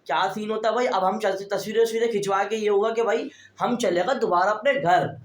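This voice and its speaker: A man's voice: high voice, brisk. A young man telling a story to camera as a vlogger, chatty and constantly calling his viewers brother. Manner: stands talking straight to camera. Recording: roomy echo.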